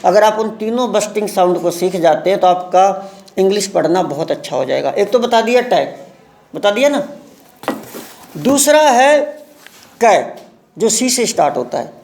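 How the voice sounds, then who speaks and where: A male English teacher giving a live class lesson, reading English lines slowly word by word and explaining pronunciation. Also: high voice, creaky, darkish tone, slight background noise. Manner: reads English aloud very slowly, word by word, then explains in Hindi.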